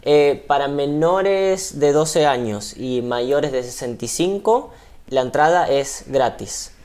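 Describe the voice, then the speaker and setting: A ship crew member with an Argentine Spanish accent, interviewed on TV, explains at length in a hesitant way, using lots of fillers. His voice is a little high and slightly mellow, slow, with lively intonation.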